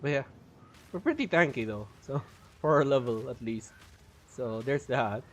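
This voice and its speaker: Laughing often, a live-streaming gamer talks through his build in a chatty way, his voice strained as he fights off a cough. He has a mid-range voice with lively intonation and a measured pace.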